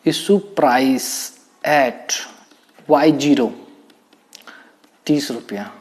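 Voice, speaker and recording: A male teacher delivering a recorded lecture. He talks in a lively, playful way, with quick exclamations and repeated words for emphasis. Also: mid-range voice.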